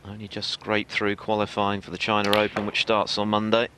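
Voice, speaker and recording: A man giving live snooker commentary in a measured, analytical manner. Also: on the low side, completely flat delivery, noisy background.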